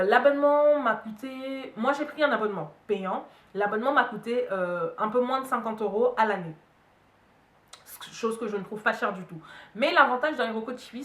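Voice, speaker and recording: A woman's voice: medium pitch, a bit bright. A young woman from Cameroon, chatting casually to camera about streaming services, full of fillers and asides. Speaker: beauty and hair vlogger. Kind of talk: casual review chat to camera. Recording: roomy echo, mic a bit far.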